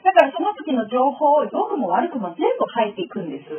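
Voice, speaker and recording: Animated woman teacher, tinny phone-like sound. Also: sits high, fast. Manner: animated, explains with acted-out examples. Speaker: teacher of a spiritual school. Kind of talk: spoken lecture to students.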